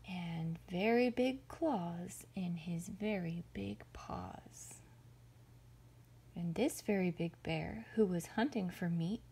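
A woman reading a rhyming children's picture book aloud as storyteller, with a slow, rhythmic delivery. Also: medium pitch, vocal fry, darkish tone, slightly rough.

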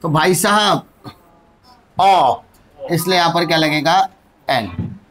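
A high-pitched Indian man teaching English grammar in a mix of Hindi and English, taking his time and drawing out each word. He addresses students fondly as "my dear" and asks his own questions before he answers them. He spells key phrases out one word at a time. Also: a bit bright. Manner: spells out letters and words slowly, one at a time.

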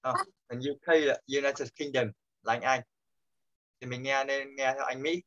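Teaching English pronunciation in an online class, a man patiently corrects and repeats key points. His mid-range voice has fairly even intonation, normal speed and a fairly bright tone. The sound is dull lo-fi video call audio.

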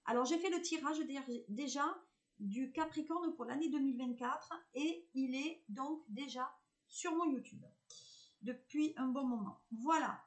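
High-voiced southern French woman medium. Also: measured pace. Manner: chatty and reassuring, hesitant with many fillers. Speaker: medium giving a tarot reading. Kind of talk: live-streamed card reading, chatting with viewers.

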